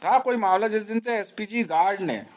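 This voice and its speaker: A man's voice: high voice, normal speed. A man streaming live, rambling in a confrontational monologue, taunting listeners with slang and repeating himself. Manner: restless, repeats himself and restarts.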